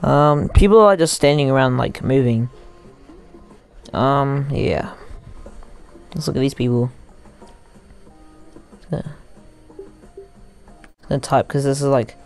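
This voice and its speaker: A young man giving casual gameplay commentary into headphones used as a mic, haltingly thinking aloud as he goes. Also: medium pitch, vocal fry, a little mellow, smooth, faint music behind. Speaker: gaming YouTuber.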